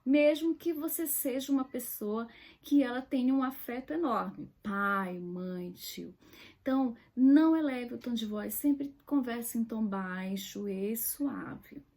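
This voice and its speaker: A woman's voice: fairly high pitch, slow, a little mellow. A woman giving an earnest teaching talk, stressing key words and dropping to a whisper now and then. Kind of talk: direct-to-camera teaching talk.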